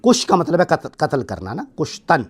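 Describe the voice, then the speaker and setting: A man's voice: a little high, huge pitch swings, slightly rough. A middle-aged man with a Pakistani accent teaching a class, explaining step by step and checking that his students follow. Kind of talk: classroom lecture.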